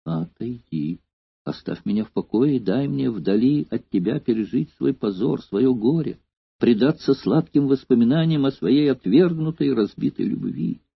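A man's voice: medium pitch, lively intonation, moderate pace, gravelly, husky, no room sound, pitched above the performer's own voice. A man voicing a young female courtesan who pleads and feigns tenderness, in an audiobook reading. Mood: wounded. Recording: dull lo-fi dry recording.

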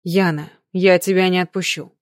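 Женщина читает за отчаявшегося молодого мужчину. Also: female voice, lowish voice, steady tone, normal speed, no echo, studio quality, lightly acted. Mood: pleading. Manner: urgent, pleading. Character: tormented young man pleading with his beloved.

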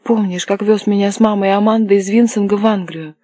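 A reader voicing a desperate young English lady, pitched up. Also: steady tone, moderate pace, dark tone, dry recording, clean studio sound, lightly acted. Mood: frantic. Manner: pleading, rising to cries. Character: desperate young English noblewoman fleeing captors. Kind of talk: audiobook character voice.

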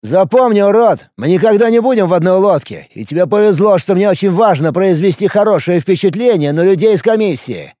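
A man voicing a hot-tempered, resentful young man in an audiobook, snapping and shouting bitterly. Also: fairly high pitch, sing-song, fast talker, few pauses, dry recording, clean studio sound. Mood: threatening. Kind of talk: audiobook character voice.

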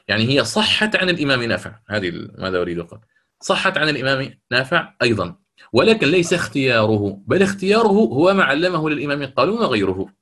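A man's voice: fairly high pitch, pushed and bright. A man teaching a lecture on Quran recitation, explaining step by step and often checking with his students. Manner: stretches words when demonstrating recitation. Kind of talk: classroom lecture.

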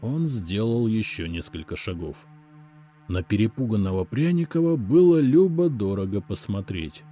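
Brief: male audiobook narrator, first-person story, mellow low voice, animated intonation. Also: moderate pace, faint music behind.

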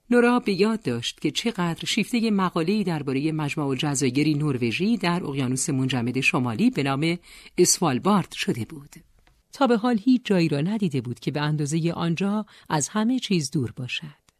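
Calm audiobook narrator, dry studio sound. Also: medium pitch, no echo. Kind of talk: scripted narration.

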